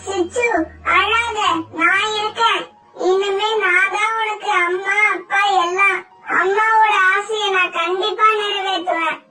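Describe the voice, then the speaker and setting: A woman's voice: very high-pitched, steady tone, measured pace, pushed and bright, faint music behind, full character voice. A woman voicing a young girl bird in a cartoon, childlike and pleading, who looks after her little brother. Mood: tearful. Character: young girl bird, loving elder sister.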